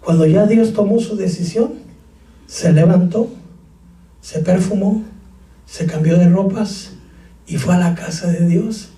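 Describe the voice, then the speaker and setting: A man's voice: sits high, unhurried, pauses often, warm tone. A man preaching a sermon as pastor, calling out questions to the congregation and joking between points. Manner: preaching with call-and-response, joking asides. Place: church sanctuary. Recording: echoey church, far from mic.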